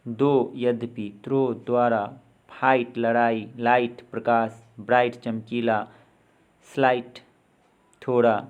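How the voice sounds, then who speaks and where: Slow Indian man teaching English. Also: mid-range voice. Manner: spells words letter by letter, then gives the meaning. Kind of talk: slow spoken lesson.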